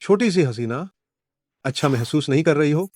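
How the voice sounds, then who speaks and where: A man's voice: fairly high pitch, expressive, moderate pace, darkish tone, dry recording. An actor dubbing a sleazy, taunting man who leers at a young woman. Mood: leering. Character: leering drunk male lecher at a party. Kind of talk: dubbed drama dialogue.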